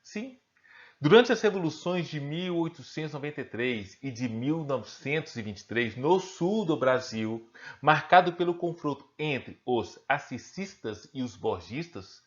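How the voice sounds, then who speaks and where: Heard in lo-fi sound, a high-leaning male voice with a Brazilian accent delivers a recorded online lesson. He poses and answers his own questions while repeatedly checking in with whoever is watching.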